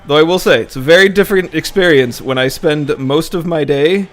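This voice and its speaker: A man's voice: a little high, a little fast, faint music behind. A man co-hosting a let's play, chatting casually, laughing often and slipping into mock-lecturing jargon. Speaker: co-host of a gaming let's play.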